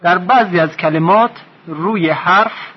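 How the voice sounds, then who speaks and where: Male teacher, raised pitch, deliberate pacing, stretches sounds to demonstrate; lo-fi tape quality. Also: breathy edge. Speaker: Quran reading teacher. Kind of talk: recorded lesson. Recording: dull lo-fi recording.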